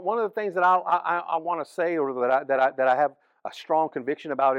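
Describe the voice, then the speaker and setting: A man preaching as pastor, telling the story in an animated way, acting out the people in it and restarting phrases often. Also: a little high, no echo, dull audio. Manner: animated storytelling, acts out voices, frequent restarts. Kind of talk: sermon.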